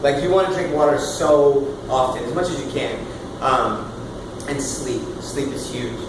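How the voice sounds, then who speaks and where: A man in his thirties leading a casual singing workshop, loud and animated, swearing now and then and demonstrating sounds as he explains. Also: medium pitch, a little slow. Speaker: vocal coach. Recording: roomy, far from the mic, with room noise.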